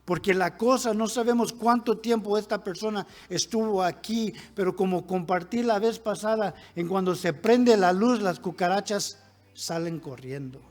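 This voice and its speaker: Guy preaching a sermon, pretty high voice, hammers the same lines over and over. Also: normal speed. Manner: emphatic, repeats refrains, asks the congregation questions.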